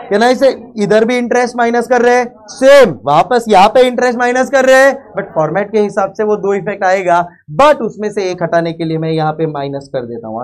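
A man with an Indian accent teaching accounting to a live class, loud and emphatic, constantly asking the students check questions and mixing English phrases into his talk. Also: high voice. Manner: mixes English phrases into Hindi; loud and emphatic, sometimes calling out. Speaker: accounting lecturer. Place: lecture hall with a live class.

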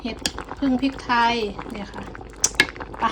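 A woman's voice: fairly quick, noisy background. A woman with an Isan Thai accent chatting casually for her vlog while she eats, humming as she tastes the food. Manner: chatty, tasting food with murmured hums. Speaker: vlogger.

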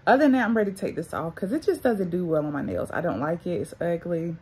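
A young woman vlogging straight to her viewers, with a husky edge and a slightly low voice. She talks loosely and chattily, calling her audience y'all. Her speech is a bit muffled from the retainers she is wearing. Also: animated, fast talker, darkish tone. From North Carolina, USA. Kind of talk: casual vlog chat.

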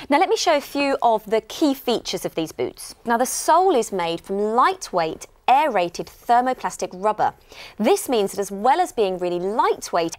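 A woman's voice: medium pitch, no echo. A middle-aged British woman presenting on a shopping channel, giving an enthusiastic, explanatory scripted product demonstration in a studio. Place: TV studio lounge set.

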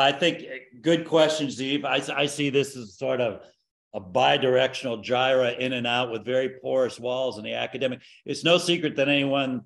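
A man in his sixties, a keynote speaker on a video call from a home office, explaining in a measured way that trails off at the ends of sentences. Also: medium pitch, vocal fry. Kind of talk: academic panel discussion. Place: home office with window view.

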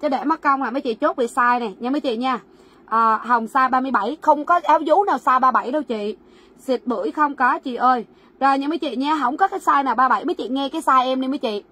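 Husky fast-talking woman livestream seller. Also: sits high, sharp tone. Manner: repetitive, coaxing viewers to comment orders. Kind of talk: fast live-sale patter. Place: warehouse.

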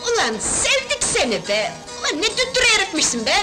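An actress playing a brash, streetwise young wife who talks loud and slangy in an old film. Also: female voice, extremely high pitch, wildly swooping pitch, fast, over music, heavily acted. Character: brash streetwise young woman, bold, pushy. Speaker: newly married wife in a film. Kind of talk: 1970s film dialogue. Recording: noisy old film soundtrack.

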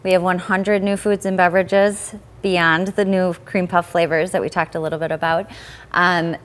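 Woman, 30s, slightly low voice, friendly, informative, TV studio guest. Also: level tone, moderate pace. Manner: friendly, informative promo talk. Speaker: fair public affairs director, guest. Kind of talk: live TV studio interview. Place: TV news studio.

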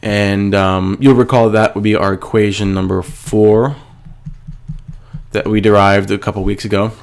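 A male physics teacher, stuffy from a cold, records a screencast lesson working through a worksheet step by step. His lowish, gravelly voice stays fairly flat and unhurried as he patiently asks and answers his own questions.

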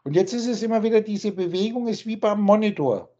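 Guy lecturing on a video call, emphatic, keeps repeating himself, kinda husky, dull muffled sound. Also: high voice, lively intonation, a little fast, dark tone. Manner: emphatic, insistent, repeats key points. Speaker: spiritual teacher.

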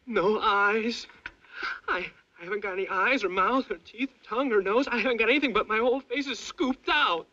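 An actor playing a young soldier's halting, stammering inner monologue that swings between hushed dread and panic. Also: male voice, mid-range voice, expressive, slightly rough, lo-fi sound. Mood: hysterical. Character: young male soldier, maimed, trapped and frightened. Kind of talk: film voice-over inner monologue.

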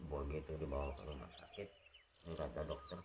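A man's voice: very deep voice, steady tone, brisk, lo-fi sound, background noise. A man telling a comic folk tale in a playful, colloquial way. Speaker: storyteller.

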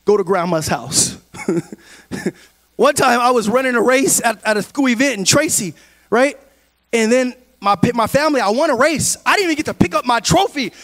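A middle-aged man preaching a sermon in a large church, on a handheld mic, dropping low and quiet and then rising to shouted preaching. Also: expressive, moderate pace. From California. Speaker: pastor.

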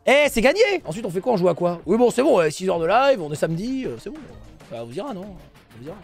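An excitable man calls his team's match live, his voice pitched very high with a gravelly edge. His intonation leaps all over as he repeats phrases and erupts into shouts. Soft music plays behind him. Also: fast. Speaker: esports team streamer commenting a match.

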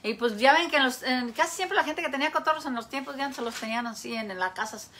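A woman's voice: high voice, lively intonation, fast talker, bright, forceful tone, slight background noise. A Mexican woman hosting a live cooking show, chatting casually with viewers and telling folksy jokes with a laugh.

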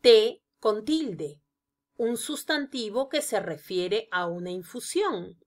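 Slow, lively-pitched woman teaching grammar. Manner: slow, deliberate explanation of examples. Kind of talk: scripted grammar lesson narration.

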